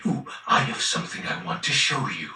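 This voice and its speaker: A man's voice: mid-range voice, very animated, bright, forceful tone, distant mic. A man voicing a theatrical, pompous lord of shadows in a video game, making grandiose, commanding proclamations. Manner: bombastic, drawn-out commanding proclamations. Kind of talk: video game character acting. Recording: roomy echo, faint music behind.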